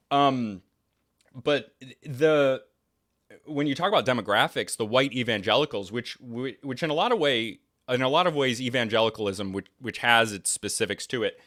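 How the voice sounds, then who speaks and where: A young man from New England, United States, speaks as a podcast guest in a medium-pitched, slightly bright voice. His casual talk is rambling and opinionated, with many restarts and fillers.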